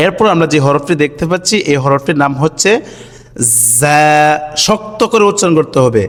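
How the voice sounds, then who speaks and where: A man teaching Quran letter reading, slowly drilling each letter and chanting the syllables over and over. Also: a little high. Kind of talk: slow recitation lesson. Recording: long hall reverb.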